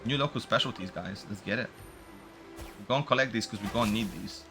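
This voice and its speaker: A young man streams a game live, giving casual, upbeat, slangy commentary as he chats with his viewers. His voice sits on the low side, brisk, bright and forceful, with music playing behind it.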